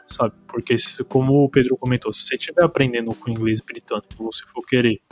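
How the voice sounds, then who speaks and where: A man with a Brazilian accent hosting a casual podcast chat, talking in a loose, slangy way. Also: mid-range voice. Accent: Brazilian Portuguese. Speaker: podcast host.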